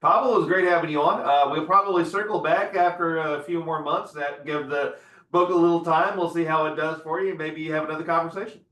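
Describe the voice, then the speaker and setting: A man's voice: a little high, fairly even intonation, brisk, fairly bright tone. A man hosting an interview, closing with polished, upbeat remarks. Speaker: podcast host. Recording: echoey and distant from the mic.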